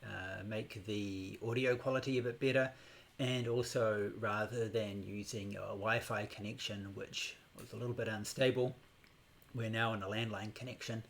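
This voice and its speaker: Middle-aged New man, gravelly voice, meditation teacher opening a live-streamed class, unhurried and hesitant. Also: lowish voice, steady tone. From New Zealand. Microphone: new microphone on a laptop setup.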